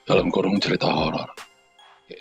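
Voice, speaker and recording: A podcast co-host with a low, gravelly, husky voice speaks at normal speed with little pitch movement while faint music plays behind him. He banters in slang, then steadily reads a listener's horror story aloud, voicing the noises in it as sound effects.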